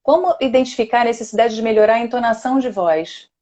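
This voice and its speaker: A woman's voice: fairly high pitch, quick pace. A middle-aged woman hosting a casual online live chat as a speech therapist, enthusiastic and chatty, often tagging sentences with a questioning "né". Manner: warm, enthusiastic, many "né?" tags.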